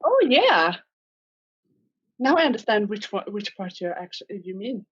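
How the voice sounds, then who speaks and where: A woman hosting a casual online quiz over a video call, playful, reading her clues slowly and clearly. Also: mid-range voice, sing-song, no room sound. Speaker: quiz host. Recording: dull lo-fi video call audio.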